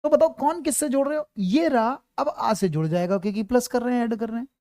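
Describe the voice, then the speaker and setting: This online grammar lecture comes from a man with a very high voice and dark tone who talks quickly. He restates points, regularly confirms his students are following, and calls them "beta" reassuringly, all in a dry, clean studio recording.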